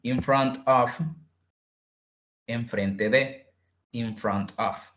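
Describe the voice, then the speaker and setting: A man teaching an online English class, repeating words slowly and quizzing his students. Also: medium pitch, steady tone, fairly bright tone, reverberant. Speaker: English tutor.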